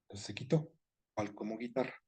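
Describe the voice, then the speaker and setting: A man's voice: on the low side, brisk, mellow, breathy edge. Patient man lecturing, correcting himself. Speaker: seminar lecturer on etymology. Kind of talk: explanatory online class.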